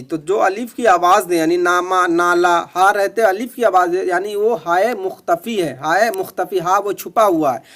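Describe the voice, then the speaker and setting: A man's voice: sits high, fairly bright tone. A man teaching an exam-preparation lesson in a methodical way, repeating each question and its answer.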